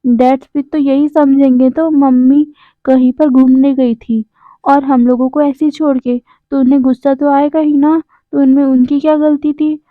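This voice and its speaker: An earnest little boy reasoning things out, as a woman reads him. The voice is high and the delivery plain. The sound is dry and a little dull. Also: flat delivery, moderate pace, no echo, lightly acted. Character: seven-year-old boy, earnest and reasoning. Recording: slightly dull, dry close recording.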